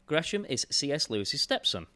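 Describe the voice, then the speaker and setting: Lively Warrington-accented man reading trivia. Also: a little high, moderate pace. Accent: Warrington English. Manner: reads trivia aloud, laughs easily. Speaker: podcast co-host. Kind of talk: casual chat.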